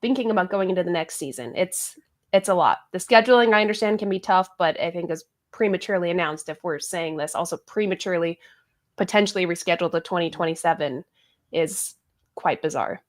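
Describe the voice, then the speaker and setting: A woman co-hosting a sports podcast, thoughtful and quick to laugh, on a video call. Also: fairly low pitch. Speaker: co-host, soccer analyst.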